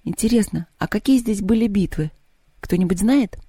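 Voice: mid-range voice, normal speed, dark tone, slightly rough, no echo, clean studio sound, pitched above the performer's own voice. A reader voicing a prim girl who muses aloud and is easily flustered. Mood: musing.

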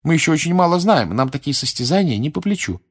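A man's voice: on the high side, big pitch swings, quick pace, pitched above the performer's own voice. A man voicing a clever, sensible teenage girl in a storybook reading, earnest and cautious.

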